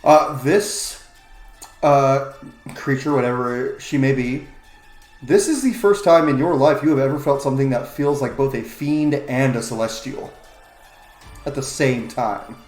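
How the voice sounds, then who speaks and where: A man's voice: medium pitch, measured pace, darkish tone. Male game master in a roomy space. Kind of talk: narrating a tabletop role-playing game. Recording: roomy echo, faint music underneath. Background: faint background music.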